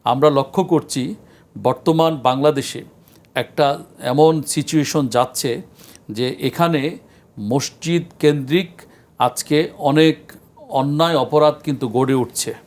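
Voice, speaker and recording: A man, a scholar guest on a religious talk show, speaking in an earnest, measured lecturing way with frequent pauses. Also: a little high, a little mellow. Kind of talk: studio discussion on a religious show.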